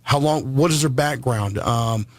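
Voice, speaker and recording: A man's voice: medium pitch, unhurried. A man who inspects homes talks as a guest on a radio call-in show. He explains his work earnestly, stopping often with ums and starting sentences over. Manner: many ums and restarts, earnest.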